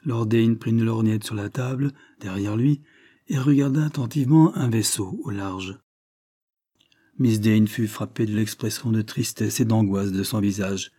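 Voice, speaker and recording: A man reading a classic novel aloud in a measured, even storytelling manner. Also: lowish voice. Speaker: audiobook reader. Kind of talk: scripted narration of a classic novel.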